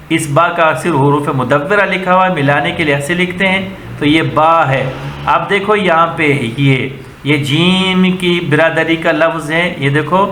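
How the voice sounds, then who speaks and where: A man with a Pakistani accent gives a slow letter-by-letter reading lesson, patiently naming and repeating each sound. His voice is bright and fairly high. The room rings with echo, and a faint hum sits underneath. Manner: patient, repetitive, drills letters one at a time. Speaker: Quran reading teacher. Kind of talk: slow word-by-word teaching. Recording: echoey room with faint ambient noise.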